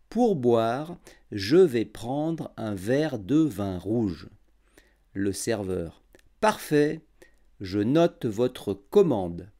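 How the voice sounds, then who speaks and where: A man's voice: mid-range voice, warm tone. A man reading scripted dialogues for language learners, articulating each phrase carefully. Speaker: reader of lesson dialogues.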